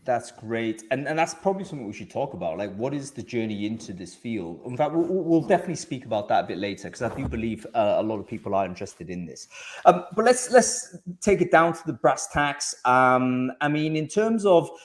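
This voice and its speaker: A man with a medium-pitched, sing-song voice hosts a live video-call panel at a fairly quick clip, with a bit of hiss or hum in the audio. He's on an over-ear headset in his home office, chatty and friendly, often restarting and using fillers.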